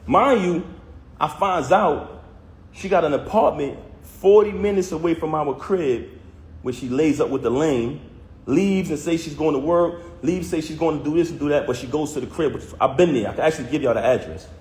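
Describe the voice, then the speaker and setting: A man vlogging about a personal conflict talks to viewers in casual, heated first person, full of street slang and emphasis. His voice is on the high side at a normal speed, recorded with a roomy echo.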